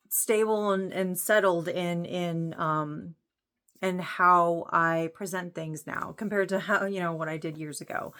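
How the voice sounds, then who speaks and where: A woman in her late thirties introduces her own channel as a vlogger, chatting to the camera casually, candidly, and earnestly in a rambling, informal way. Her lowish voice is smooth and a bit bright.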